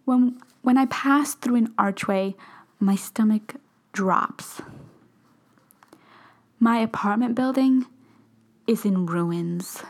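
A woman reading a first-person story aloud, often slipping into a soft whisper. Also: fairly high pitch, takes it slowly, pauses often. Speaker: narrator.

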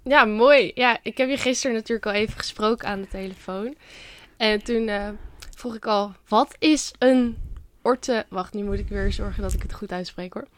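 A woman's voice: mid-range voice, fairly quick, fairly bright tone. A woman hosting a podcast interview, asking questions in a friendly, chatty way. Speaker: podcast host.

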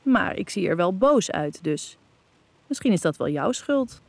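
A woman's voice: fairly low pitch, big pitch swings, a little slow, gravelly, no echo, exaggerated voice. A woman reading a teasing young man.

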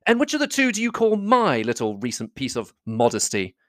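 A reader as an animated, amiable young gentleman. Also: mid-range voice, brisk, no room sound, clean studio sound, voice pushed up. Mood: breezy. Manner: animated, good-humoured. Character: amiable, impulsive young gentleman, lightly self-mocking. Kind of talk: classic novel audiobook dialogue.

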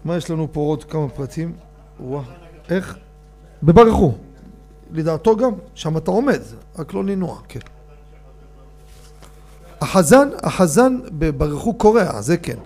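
A man, a rabbi, giving an informal Torah lesson, animated and addressing his listeners with questions as he reads out rulings. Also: on the high side, pauses often. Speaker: rabbi teaching a Torah class.

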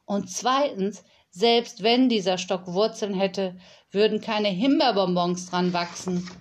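A woman voicing a strict, bossy girl in a storybook reading, sharp and scolding. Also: mid-range voice, slow pace. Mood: lecturing.

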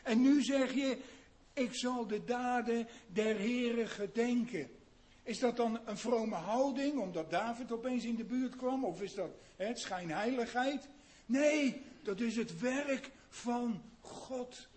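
A man preaching a sermon in an earnest way, asking his listeners questions and swinging between hushed and loud emphasis. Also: extremely high pitch, unhurried. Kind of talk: sermon on a psalm.

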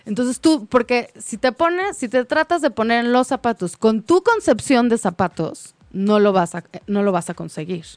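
A woman co-hosting a casual chat, animated and acting out quoted dialogue. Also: on the high side, normal speed, hardly any pauses, dry recording, clean studio sound. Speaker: co-host.

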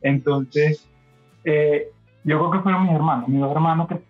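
A man's voice: fairly high pitch, steady tone, moderate pace, breathy edge, faint music behind. A Venezuelan man, a podcast guest, telling his story in a rambling, casual way with many fillers and restarts. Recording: tinny phone-like line.

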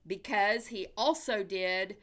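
A woman's voice: medium pitch, slow, a bit bright. An American woman hosting a casual movie news chat in an upbeat, chatty, folksy way. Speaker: movie podcast host.

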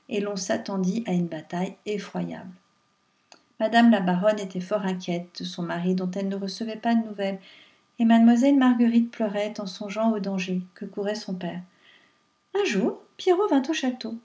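A woman reading a fairy tale aloud in a calm, measured storytelling manner. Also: mid-range voice, distant mic.

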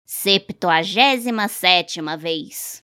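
A woman's voice: lowish voice, takes it slowly, bright, forceful tone. A woman reading aloud and voicing a stubborn, petulant old village man who grumbles. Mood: curt.

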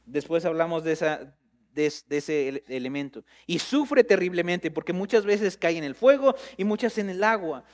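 A man preaching a sermon as pastor, talking straight to his listeners in a conversational way and building up to loud, emphatic peaks. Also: fairly high pitch, expressive, moderate pace.

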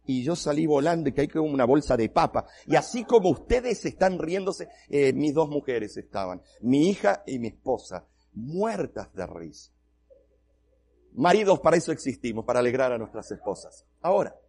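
Gravelly, husky male pastor telling jokes. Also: medium pitch, moderate pace. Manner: animated, comic, self-mocking. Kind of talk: humorous sermon storytelling.

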